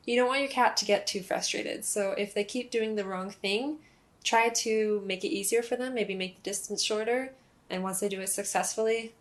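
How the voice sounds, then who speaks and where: A young woman in a casual instructional vlog, explaining pet training in a friendly, chatty way with occasional fillers. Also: mid-range voice. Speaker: cat owner explaining leash training.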